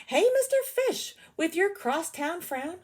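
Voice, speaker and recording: A woman voicing a cheerful, grinning female clam in a storybook, squeaky and sing-song. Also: very animated, unhurried, darkish tone, full character voice. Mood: chirpy.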